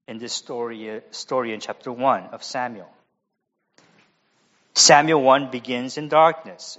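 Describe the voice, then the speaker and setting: A man's voice: mid-range voice, a bit bright, muffled recording. A man from America with an American accent, preaching an expository sermon with conversational asides. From United States. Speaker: pastor.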